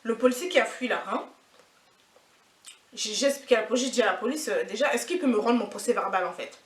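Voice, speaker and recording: Young woman, casual storytime, indignant and animated, slightly high voice, roomy distant sound. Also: fast, noisy background. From France. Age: 20s. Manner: indignant, animated, repetitive slangy retelling. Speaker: vlogger. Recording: echoey room, mic at a distance.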